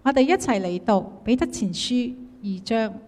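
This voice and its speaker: A woman's voice: fairly high pitch, lively intonation, moderate pace, darkish tone. A woman with a Cantonese accent, interpreting a sermon and reading scripture aloud. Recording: echoey hall with long reverb.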